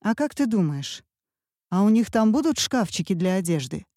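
Nervous shouty husband, woman putting him on, fretting nonstop, mellow tone close mic. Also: mid-range voice, very animated, normal speed, dry recording, lightly acted. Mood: agitated. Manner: agitated, nagging questions.

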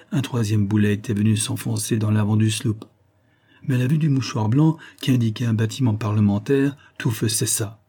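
A man narrating a classic adventure novel as an audiobook, in an even storytelling manner. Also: fairly low pitch, husky.

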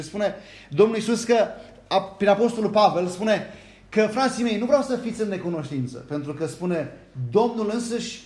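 A man with a fairly high voice preaches a sermon, reading verses aloud and pausing to ask his listeners short rhetorical questions. His voice rings out in a roomy, echoey church hall. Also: a little mellow. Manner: reads scripture aloud, asks the congregation rhetorical questions, often adds "da?". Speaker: pastor.

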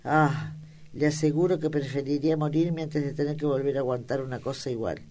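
A woman's voice: very deep voice, fairly even intonation, a little fast, warm tone. A woman reading an audiobook, voicing an earnest, affectionate young country girl with rustic speech.

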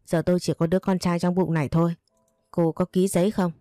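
A woman's voice: fairly low pitch, little pitch movement, quick pace, dark tone, dry recording, studio quality, soft background music, close to an everyday voice. A woman voicing a cold, dismissive husband who speaks curtly and without feeling in a storybook reading. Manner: curt and indifferent. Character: cold, dismissive young husband leaving his wife.

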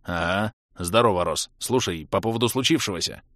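A man voicing a rough, brash young male friend who talks in blunt slang, in an audiobook reading. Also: low-pitched, a little fast, a bit bright, no room sound, studio quality. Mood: casual.

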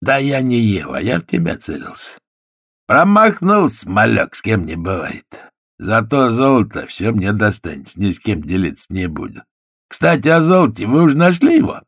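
A man voicing a swaggering male criminal who talks in a hoarse, offhand, slangy drawl. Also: on the low side, sing-song, normal speed, fairly bright tone, no echo, clean studio sound, voice pushed up, full character voice. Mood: mocking.

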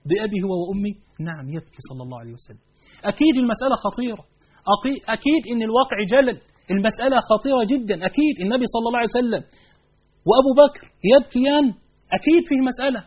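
Egyptian male preacher, husky and quick, emphatic lecture style, dull lo-fi recording. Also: extremely high pitch, expressive. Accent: Egyptian Arabic. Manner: emphatic, poses rhetorical questions to the audience. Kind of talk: religious lesson.

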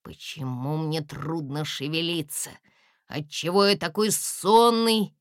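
A woman's voice: low voice, lively intonation, no echo, studio quality. A woman voicing a groggy grown male cat who can barely get his words out. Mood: drowsy. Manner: slow, drowsy inner voice, stuck on one syllable.

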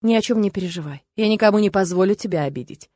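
A woman voicing a gruff, protective middle-aged father who grumbles scornfully in an audiobook. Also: mid-range voice, quick pace, warm tone, no room sound, clean studio sound, lightly acted. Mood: tender. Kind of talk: audiobook character voice.

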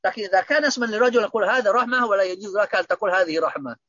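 Bright high-voiced male grammar teacher. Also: very fast, no room sound. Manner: explains with repeated questions to students. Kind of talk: online grammar lesson. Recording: dull, dry lo-fi audio.

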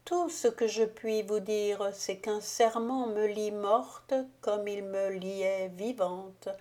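A woman voicing the ghost of a dead countess in an audiobook, speaking gravely, solemnly and softly. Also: mid-range voice, fairly even intonation, slow, natural voice. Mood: solemn, hushed. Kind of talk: audiobook reading.

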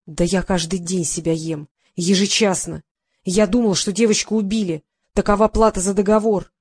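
A man's voice: high voice, steady tone, moderate pace, darkish tone, breathy edge, no room sound. A woman reading as a guilt-ridden male psychotherapist. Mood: remorseful. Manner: defensive, mumbling confession.

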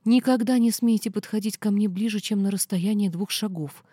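A woman's voice: mid-range voice, lively intonation, normal speed, warm tone, breathy edge, no room sound, clean studio sound. A woman reading the lines of an angry, commanding young princess in an audiobook. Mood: furious.

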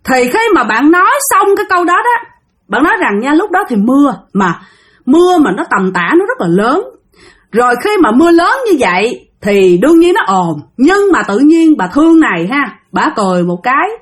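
A woman narrates a ghost story in a chatty way, speaking straight to her listeners. Her voice sits high and swoops through a wide, lively range. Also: normal speed. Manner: chatty, addresses listeners directly.

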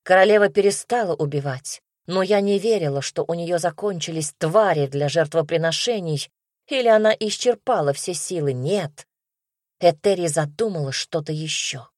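A woman reading a first-person fantasy audiobook in a steady, expressive way. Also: fairly low pitch, normal speed, no echo, clean studio sound. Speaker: audiobook narrator.

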